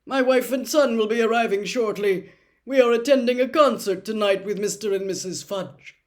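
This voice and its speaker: In an audiobook, a woman with a fairly high, natural voice plays a mad older male wizard official. Officious and rambling, she swings from fluent officious dictation to breathy, broken, halting gasps of desperation.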